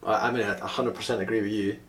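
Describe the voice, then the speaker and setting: A man's voice: on the low side, fairly even intonation, very fast, a bit bright. A man co-hosting a podcast, chatting casually about sport. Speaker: podcast co-host. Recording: echoey room, distant mic.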